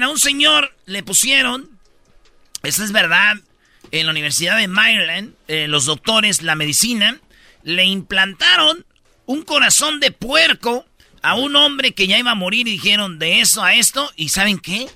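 A Mexican male radio host runs through comedic news items in an animated, joking way. His voice is high and very bright, with a gravelly fry at the edges. The studio sound is dry and close. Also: normal speed, dry recording, faint music behind. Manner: animated and jokey, calling out "señores".

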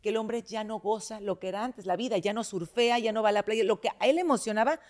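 A woman's voice: medium pitch, quick pace, a little mellow. A woman with a Mexican accent chatting casually, sharing a personal anecdote with sincerity. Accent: Mexican Spanish. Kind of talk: casual chat.

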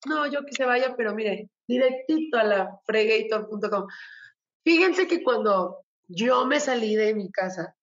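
A Mexican woman hosts a casual talk segment, chatting in a playful, gossipy way. She acts out little quotes as she tells her stories. Her voice sits fairly high, and the recording sounds a bit dull and lo-fi. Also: expressive, unhurried. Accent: Mexican Spanish. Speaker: show host.

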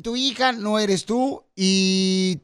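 A man hosting a casual radio chat, folksy and animated, acting out what parents say. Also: sits high, extremely slow, smooth. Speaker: radio show host.

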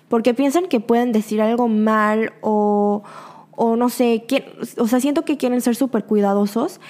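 A young woman with a Mexican accent, hosting a podcast and chatting casually in reply to a listener's voice message. She talks in an animated way, acts out quoted lines and laughs often. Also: fairly high pitch. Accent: Mexican Spanish. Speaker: podcast host.

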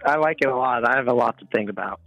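Caller, young man on speakerphone, halting and polite, thin phone-line sound. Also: mid-range voice, fairly bright tone, no room sound, faint music behind. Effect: on speakerphone over a phone line. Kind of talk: casual chat. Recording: tinny dry phone line.

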